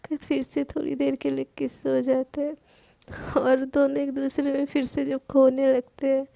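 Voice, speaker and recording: Soft-spoken female storyteller, close and dry. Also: sits high, monotone, normal speed, gravelly, no room sound. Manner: soft, intimate, sometimes near-whispered. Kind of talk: storytelling narration.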